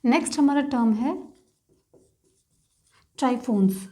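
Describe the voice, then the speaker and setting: A woman teaching shorthand in a patient lesson, slowly breaking words into their sounds one by one. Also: high-pitched, dark tone. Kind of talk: step-by-step instructional lesson.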